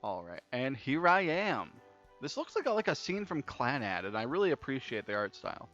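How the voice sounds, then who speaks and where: His medium-pitched voice swoops wildly in pitch at a normal speed and sounds a bit bright. The young man is casually commentating a let's play, reading game text aloud and fumbling repeated words, while game music plays behind a dull lo-fi mic.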